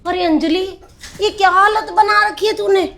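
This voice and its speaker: A woman's voice: high-pitched, normal speed, fairly bright tone, soft background music. A woman playing a stern but caring middle-aged mother in a family drama skit, scolding and then firmly reassuring. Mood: startled.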